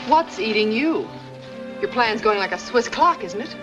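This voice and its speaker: A woman's voice: fairly high pitch, expressive, normal speed, lo-fi sound, close to an everyday voice. An actress playing a wry female friend who teases in a dry way. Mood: teasing. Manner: teasing, dry. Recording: old film soundtrack with music.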